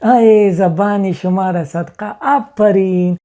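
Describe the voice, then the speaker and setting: A man's voice: high voice, dark tone, natural voice. A man with a Pashto-accented Dari voice, playing a proud, easily offended Pashtun man who speaks in broken grammar in a comedy sketch. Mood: insistent. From Afghanistan. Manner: pleading, insistent, easily offended. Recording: noisy home recording.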